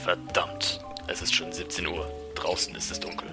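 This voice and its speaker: A man playing a grumpy, deadpan detective sidekick with a dry, exasperated manner in a comedic audio drama. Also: sits low, normal speed, music in the background, natural voice.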